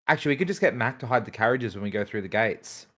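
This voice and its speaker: A man at a tabletop game, joking in quick bursts in a mid-pitched voice. He chats casually with the other players. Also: lively intonation, fairly bright tone.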